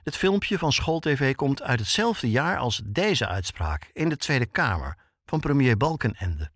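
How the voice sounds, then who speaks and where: A man with a Netherlands Dutch accent hosts and narrates a scripted podcast, telling it personally and posing rhetorical questions. His mid-range voice is unhurried and fairly bright, with big pitch swings, in a studio-quality recording with no room sound.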